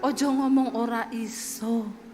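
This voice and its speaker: A woman imitating her calm Javanese husband, lowering her voice and drawing out her words. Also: in a large hall, soft background music, close to an everyday voice. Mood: gently chiding. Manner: lowered, drawn-out gentle tone. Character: calm Javanese husband, soft-spoken and slow.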